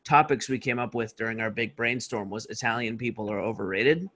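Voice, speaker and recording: A man's voice: mid-range voice, brisk, fairly bright tone. A man co-hosting a podcast, hesitant with many restarts and dry remarks. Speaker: podcast co-host. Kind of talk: casual chat.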